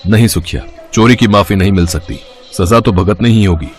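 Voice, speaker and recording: A man voicing a stern male station master in a cartoon story, speaking slowly and gravely. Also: lowish voice, soft background music, close to an everyday voice.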